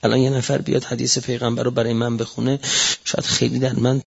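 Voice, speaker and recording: A man preaching a sermon with passion, his delivery swinging between quiet low passages and raised cries. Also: level tone, vocal fry, slightly rough. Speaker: cleric. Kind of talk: religious sermon. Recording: dull lo-fi recording.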